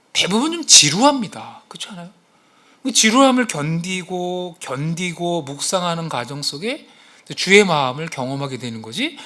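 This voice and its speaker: A male pastor preaching a sermon to his congregation in a church, acting out quotes and asking the listeners questions. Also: high-pitched. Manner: animated, acts out quotes and exclamations. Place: church sanctuary.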